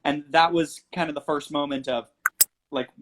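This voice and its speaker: A young man with a fairly high voice, speaking quickly and animatedly. He jumps between thoughts and acts out little quotes. It sounds like a casual livestream interview. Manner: animated, talks fast with restarts and acted-out quotes. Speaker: musician guest.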